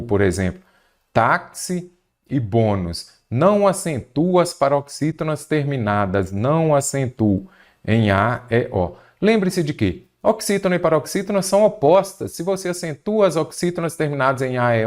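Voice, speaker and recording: A Brazilian man teaching an exam-prep grammar lesson, explaining step by step and asking and answering his own questions. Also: a little high. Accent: Brazilian Portuguese.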